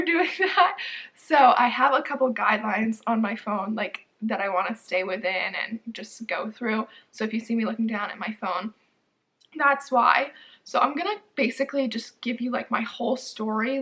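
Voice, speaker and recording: A woman's voice: fairly high pitch, fairly bright tone. Chatty young woman vlogging. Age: young adult. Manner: chatty, lots of "like", bubbly with quick laughs. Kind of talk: casual sit-down chat to camera.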